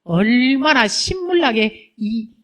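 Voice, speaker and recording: Lively Korean woman pastor preaching. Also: on the high side, takes it slowly. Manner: lively, rhetorical questions to the congregation, teasing. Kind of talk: sermon.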